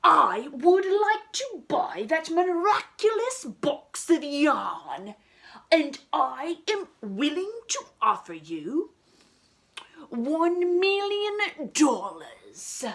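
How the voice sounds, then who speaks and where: A pompous, greedy archduke from a picture book, as acted out by a woman reader. The voice is pushed high and loud, with slow, imperious stretched words. He declaims with a quick temper and swooping pitch. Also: sing-song, vocal fry, full character voice.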